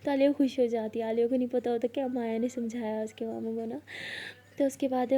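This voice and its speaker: A woman telling a story in a loose, chatty way, her voice sitting a little high. The tone is mellow and soft-edged rather than bright. She moves through the scenes like she is recounting them to a friend. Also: flat delivery. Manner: conversational, loosely paced retelling. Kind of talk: casual storytelling narration.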